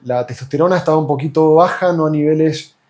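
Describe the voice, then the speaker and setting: Argentine man, patient testimonial, casual and halting, slightly high voice. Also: a little mellow. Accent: Argentine Spanish. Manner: hesitant, many fillers and restarts.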